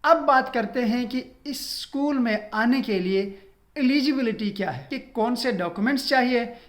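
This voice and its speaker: A man's voice: very high-pitched, a bit bright. A young man from Pakistan, vlogging and earnestly advising students, dropping English phrases into his talk. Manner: earnest advice, code-switching with English phrases. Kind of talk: casual informational vlog.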